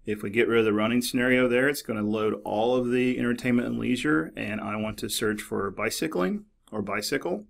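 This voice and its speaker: A middle-aged man narrating a screen-recorded tutorial in a relaxed, explanatory way, with many fillers and restarts. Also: medium pitch, fairly quick, vocal fry, few pauses. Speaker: librarian demonstrating a database. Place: office.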